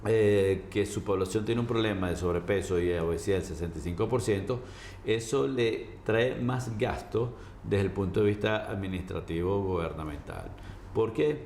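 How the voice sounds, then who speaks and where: Casting: male doctor as interview guest, deep voice, halting explanatory delivery, roomy sound. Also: a little mellow. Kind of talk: informal medical explanation in an interview. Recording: roomy echo, faint background noise.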